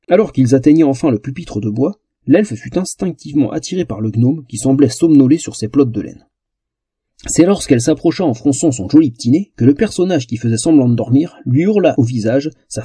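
Male audiobook narrator, comic fantasy, expressive, husky and very dark, dry close sound. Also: mid-range voice, no room sound.

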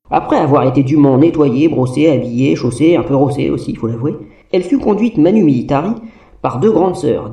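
Un homme qui lit à voix haute une fiche de personnage d'un ton pince-sans-rire. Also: male voice, on the high side, vocal fry, mellow. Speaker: co-narrator. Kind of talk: reading a character sheet. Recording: roomy and distant mic.

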